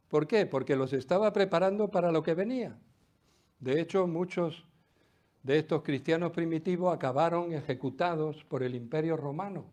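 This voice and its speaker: A middle-aged man preaches. His voice sits a bit high and moves a lot. He booms out praise, then sinks to a near-whisper for emphasis. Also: unhurried, pauses often. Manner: lively preaching with sudden drops to near-whisper. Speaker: pastor. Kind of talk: sermon.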